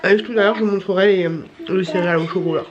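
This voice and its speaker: A woman's voice: medium pitch, steady tone, very fast, dull audio, noisy background. A tired woman vlogger with a stuffy, nasal voice, chatting casually through a shopping haul with many fillers and repeated words.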